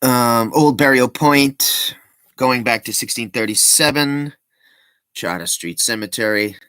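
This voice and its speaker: A man's voice: mid-range voice, unhurried, pushed and bright, clear, resonant tone, no room sound. A man giving casual, rambling commentary as a vlogger, breaking off with joking asides and plenty of ums and restarts.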